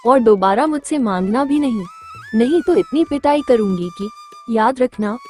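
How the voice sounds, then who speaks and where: A woman voices a harsh, scolding village stepmother in a moral-story cartoon, sharp and threatening, with music underneath. Her natural voice is fairly high and expressive, at normal speed.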